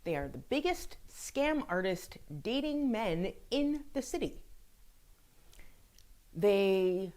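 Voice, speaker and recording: A woman's voice: mid-range voice, darkish tone. A woman from France hosting her own video blog, telling a personal dating story in a candid, chatty way with blunt swearing. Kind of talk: casual storytelling monologue.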